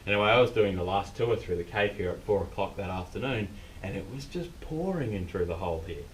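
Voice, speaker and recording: A man's voice: lively intonation, fairly quick. An Australian man working as a cave tour guide, explaining things casually and off the cuff to visitors inside a limestone cave. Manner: informal, unscripted explaining. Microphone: distant camera mic. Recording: distant mic, noisy rumbling cave tour.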